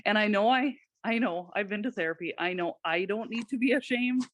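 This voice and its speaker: Halting, soft-spoken woman guest. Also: medium pitch. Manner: halting, soft-spoken, many pauses and restarts. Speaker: podcast guest. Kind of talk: personal testimony in conversation.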